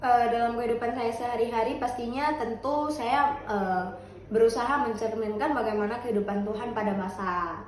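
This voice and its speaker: A woman's voice: a little high, normal speed, slight background noise. Young woman interviewee, reflective, roomy echo. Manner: thoughtful, reflective explanations. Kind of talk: casual interview answers.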